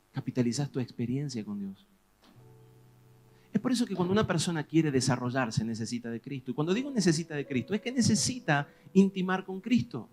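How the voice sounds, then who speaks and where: A man with a Rioplatense Spanish accent, a pastor preaching a sermon in a lively, conversational way, pressing questions on his congregation. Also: a little high. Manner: animated preaching, rising loud on questions to the congregation.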